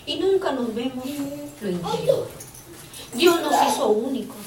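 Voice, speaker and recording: A woman's voice: sits high, expressive, measured pace, over a noisy crowd. A woman preacher giving an impassioned sermon, often calling out to her listeners as brothers. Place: church hall. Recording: echoey church from far off, faint ambience.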